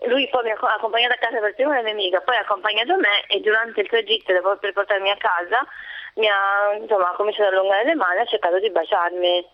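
A woman's voice: mid-range voice, steady tone, quick pace. A woman in her thirties with a Sicilian accent, calling in to a radio show and hesitantly recounting a personal story. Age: 30s. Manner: hesitant, with many fillers and restarts. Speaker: caller. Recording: tinny phone line.

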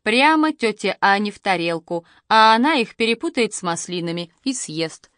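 Woman reader doing playful teasing father, her own pitch, dry studio read. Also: animated, moderate pace, a bit bright, no room sound, lightly acted. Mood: joking. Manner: jokey, teasing. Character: joking father of the family.

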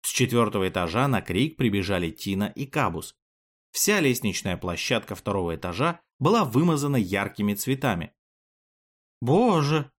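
Animated male storybook narrator. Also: fairly low pitch, brisk. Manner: expressive, animated.

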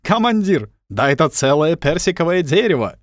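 Мужчина-чтец озвучивает весёлого хитрого разведчика, который шутя коверкает речь. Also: male voice, a little high, very animated, fast talker, no echo, studio quality, voice pushed up. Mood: joking. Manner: playful, exaggerated. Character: joking Armenian scout, mock accent, sly.

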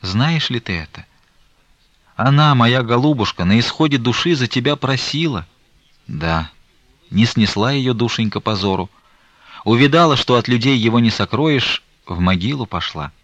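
A man reading the part of a stern, grieving old merchant, talking in a slow, weighty, reproachful way. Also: medium pitch, animated, fairly bright tone, dry recording, muffled recording, voice pushed up.

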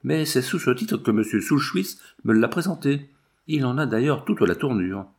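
A man's voice: mid-range voice, lively intonation, moderate pace, darkish tone, close to an everyday voice. A man reading the lines of a charming young society woman in an audiobook. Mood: insistent.

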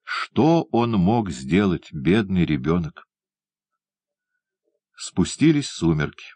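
Expressive low-voiced male narrator. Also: slow, no room sound. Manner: expressive, lively reading. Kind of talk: audiobook narration.

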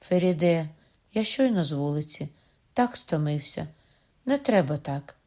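A fond, playful young man from a storybook, coaxing and gently teasing, with a slightly low voice. A woman reads him in her own voice while narrating. The delivery is calm and close. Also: measured pace.

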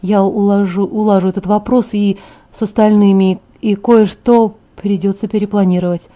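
A woman voicing a calm, gentle young man in an audiobook, speaking softly and slowly. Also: mid-range voice, natural voice. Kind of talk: audiobook character reading.

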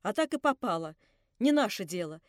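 A woman reading an audiobook, voicing a meek working woman who answers quietly and grudgingly. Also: medium pitch, big pitch swings, brisk, no echo, clean studio sound, lightly acted.

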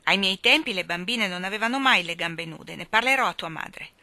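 A woman voicing a stern, domineering old spinster who scolds in a booming voice. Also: brisk, bright, forceful tone, no room sound. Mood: scolding.

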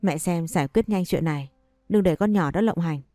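A woman's voice: lowish voice, moderate pace, warm tone, no echo, studio quality, faint music behind, close to an everyday voice. A woman reading the lines of a possessive young wife who clings to her husband, in an audio story. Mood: pleading, bitter.

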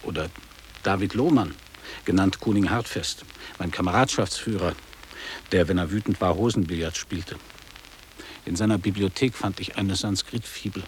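In a radio play, an actor voices a nostalgic man around fifty revisiting his old boarding school, declaiming literary reminiscences in clipped phrases. His voice sits low, at normal speed with frequent pauses, lightly acted, over slight background noise.

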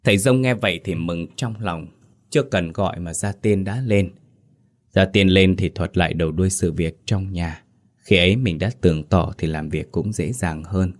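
A man with a deep, low voice narrates a ghost story at a steady, measured pace. His delivery is even and controlled throughout. The sound is dry and close, with no room echo.

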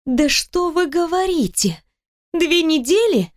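A woman voicing a defiant, quick-tempered young heroine with sharp, indignant retorts in an audiobook. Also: sits high, expressive. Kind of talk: audiobook reading.

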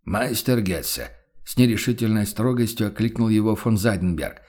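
A man's voice: medium pitch, moderate pace, darkish tone, natural voice. A man voicing a hesitant but stern nobleman in an audiobook, reproaching with formal politeness. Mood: reproachful.

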